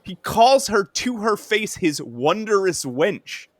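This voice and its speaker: Male podcast co-host, lively pitch, rambling casual delivery, dry close sound. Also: takes it slowly, no room sound. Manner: rambling, full of "like" and restarts. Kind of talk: casual comic-book chat.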